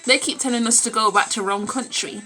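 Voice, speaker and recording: Slightly high with fairly even intonation, her bright, forceful voice moves a little fast. This woman from the United Kingdom, about thirty, vlogs at home on a phone held at arm's length, speaking bluntly and emphatically with strong opinions. She swears and repeats phrases to drive points home.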